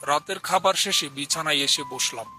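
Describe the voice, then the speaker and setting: A polite young man from a poor village family tells of his encounter with a ghost, in a scripted horror narration with acted dialogue over background music. His bright voice sits a little high and moves fairly quickly, sounding earnest yet uneasy.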